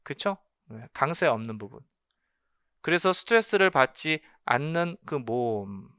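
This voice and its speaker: A man's voice: medium pitch, sing-song, measured pace, fairly bright tone, smooth, no echo. A man giving an exam-prep lecture on English linguistics, emphatic, asking rhetorical questions and repeating key points.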